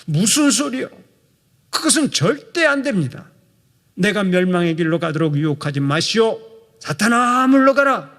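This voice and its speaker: A man doing an indignant woman shouting back. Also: high-pitched, sing-song, normal speed, big-room sound, pitched above the performer's own voice, full character voice. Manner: sharp commanding outburst. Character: indignant young woman rebuking the devil.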